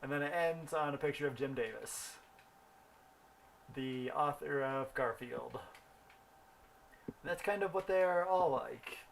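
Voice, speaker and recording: A man's voice: a little high, unhurried, vocal fry, long pauses, slight background noise. Rambling man doing gameplay commentary. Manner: rambling storytelling while thinking aloud about the game. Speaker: gaming video host.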